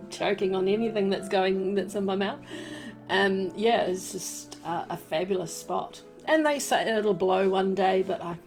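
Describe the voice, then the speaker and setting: A woman with a New Zealand accent hosting a casual live stream from home, rambling warmly with many fillers and lots of "fabulous" and "beautiful". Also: medium pitch, creaky. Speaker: crystal and essential oil live-stream host. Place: home room. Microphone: desk microphone she turns around.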